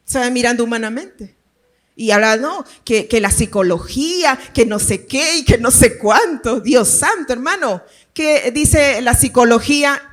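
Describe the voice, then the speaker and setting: High-voiced woman pastor preaching. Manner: animated, laughing storytelling with rhetorical questions. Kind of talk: sermon.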